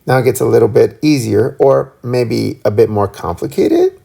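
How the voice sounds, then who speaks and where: A man teaching a phonics lesson, slowly sounding out letter sounds and drawing them out. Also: medium pitch, creaky, dark tone, slightly rough. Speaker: reading teacher.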